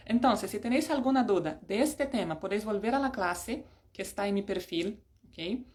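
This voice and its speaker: A woman's voice: medium pitch, dark tone. A woman from teaching an English lesson in a casual, chatty way, often checking in with "¿ok?" and poking fun at herself.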